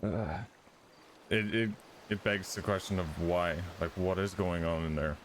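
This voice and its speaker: A very low-voiced man speaking in character as a motorcycle club member in a roleplay. His talk is blunt, firm and full of swearing. Faint night insects chirp behind him. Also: steady tone, unhurried, a little hiss or hum.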